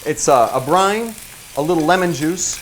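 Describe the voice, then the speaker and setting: A man from Italy cooking in a kitchen, explaining a dish hesitantly, pausing with fillers as he searches for words. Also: on the high side, lively intonation, a bit bright, slight background noise. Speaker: guest chef and cooking teacher. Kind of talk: cooking demonstration chat. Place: kitchen with food frying.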